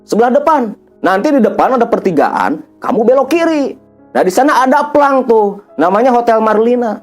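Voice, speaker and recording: A blank-eyed old rickshaw driver in a spoken ghost story mutters directions in a flat, toneless voice, put on by a man narrating. The delivery barely rises or falls. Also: very high-pitched, normal speed, faint music behind, heavily acted.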